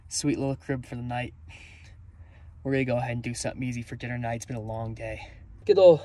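A young man hosting a casual fishing and camping vlog, talking excitedly to viewers from a riverbank and a truck camper, recorded on an action camera. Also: mid-range voice, a little hiss or hum. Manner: excitable, chatty, addresses viewers as guys. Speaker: fishing vlogger. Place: riverbank outdoors, then inside a truck camper.

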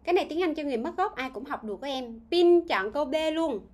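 A woman English teacher giving a livestream grammar lesson, reading out viewers' answers, asking them questions and repeating words slowly. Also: sits high, expressive, darkish tone.

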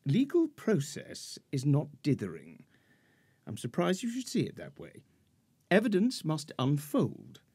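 An actor playing a pompous, fussy middle-aged lawyer in a period radio drama, formal and precise about legal procedure. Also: male voice, fairly high pitch, huge pitch swings, a little slow, darkish tone, breathy edge, full character voice. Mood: exasperated. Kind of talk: 1940s-set radio drama acting.

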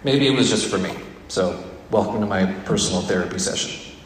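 A man's voice: on the low side, fairly quick, background noise. A man giving a conversational, jokey and sometimes emotional devotional talk to a staff gathering, recorded on a phone on the podium. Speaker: devotional speaker. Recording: distant, echoey room phone recording.

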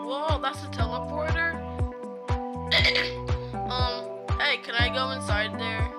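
A woman's voice: sits high, slow, over loud music. A woman playing out a plush toy story, chatty and bouncy as she voices many toys. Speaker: plush toy video creator. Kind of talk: playful plush toy role-play.

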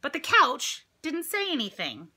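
A middle-aged American teacher reads a picture book to children in a high-pitched, sharp voice whose pitch swoops wildly, taking an unhurried pace. She's expressive and chatty, putting questions to her listeners. She's recorded indoors at home beside a dresser and ceiling fan, using a phone or tablet at arm's length.

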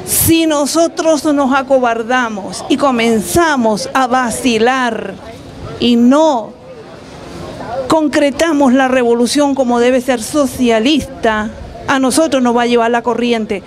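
An older Chilean woman with a Chilean accent and a high voice, speaking in an earnest, pleading way. Several handheld mics are held to her mouth, and a lively crowd is heard around her in an outdoor plaza. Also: takes it slowly. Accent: Chilean Spanish. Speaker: guest speaking on street radio. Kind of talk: emotional public appeal.

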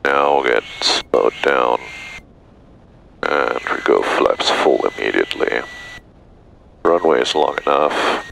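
A young man piloting a small plane, making clipped radio calls with frequent fillers and chatting casually to the camera through a headset boom mic over engine drone. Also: takes it slowly, vocal fry, long pauses, a bit bright, slight background noise, rough recording. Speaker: pilot and show host. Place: small plane cockpit in flight.

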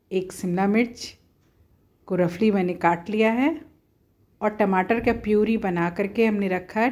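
A woman's voice: mid-range voice, mellow, breathy edge. A woman at home, talking viewers through a cooking recipe step by step in a plain, homely, instructive way. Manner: homely, instructive, often says "dekhiye".

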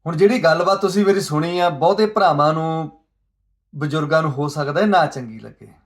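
A man giving an earnest, pleading social commentary monologue, asking rhetorical questions and moving between soft asides and raised emphasis. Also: fairly high pitch, a little fast.

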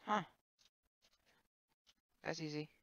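A woman streaming a sandbox game, thinking aloud in a low-key, wry way with trailing filler words. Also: drawn-out words, a bit bright, no echo. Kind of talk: casual gameplay commentary. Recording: dull lo-fi dry mic.

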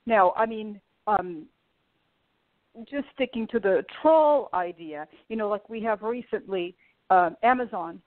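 Female guest from Portugal, mid pitch, hesitant, tinny phone-quality line. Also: expressive, a little slow, no echo. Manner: hesitant, many fillers. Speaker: podcast guest. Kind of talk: remote interview.

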